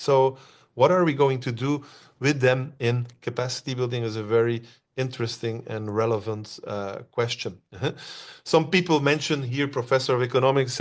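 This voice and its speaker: Belgian man presenting a webinar. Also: medium pitch. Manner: conversational, many "uh" pauses, asks the audience questions.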